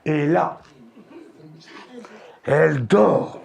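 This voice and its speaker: Male stand-up comic on stage, high-pitched and gravelly, crude slang with shouted outbursts. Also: very slow, crowd noise. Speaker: stand-up comedian. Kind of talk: stand-up comedy. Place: theater stage.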